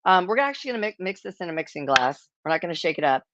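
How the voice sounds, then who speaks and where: A woman's voice: fairly low pitch, big pitch swings, rapid-fire, dull audio, noisy background. A woman hosting a casual cocktail-making demo, chatty and self-deprecating, with rambling asides. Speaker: cocktail show host.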